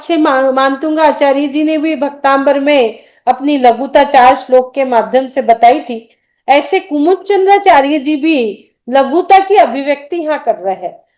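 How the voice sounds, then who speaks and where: A middle-aged woman teaching a devotional hymn, explaining pronunciation syllable by syllable and chanting the verses slowly. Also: sits high, darkish tone. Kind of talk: recitation lesson with chanted verses.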